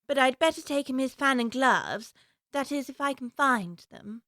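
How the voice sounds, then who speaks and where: A woman's voice: high voice, lively intonation, moderate pace, bright, forceful tone, no room sound, clean studio sound. A woman playing Alice, a curious young girl chattering away to herself in a prim, wondering way, for a full-cast audiobook. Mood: musing.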